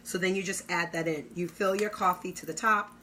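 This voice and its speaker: A woman's voice: lowish voice, fairly even intonation, fairly quick, sharp tone, a little hiss or hum. A woman giving an enthusiastic, salesy kitchen product demonstration, drawing out her exclamations. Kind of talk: live kitchen product demo.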